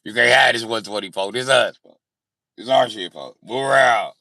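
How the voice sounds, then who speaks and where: Reading and answering comments on his livestream, a man chats casually in a brash, joking, slangy style, swearing a lot. His mid-range voice is bright and forceful at a moderate pace. There's no echo.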